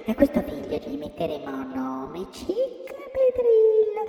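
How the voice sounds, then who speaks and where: Woman doing a high fretful old-style mother. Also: lively intonation, slow pace, dark tone. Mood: fretting. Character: fretful mother, fussing and tearful. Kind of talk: radio play folk tale. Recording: distant echoey hall with music.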